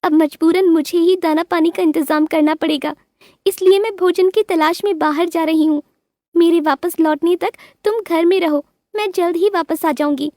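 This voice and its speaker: A woman's voice: very high-pitched, steady tone, moderate pace, no echo, studio quality, voice pushed up. A woman voicing a worried, caring widowed mother bird in a cartoon story. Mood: motherly. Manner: gentle motherly tone.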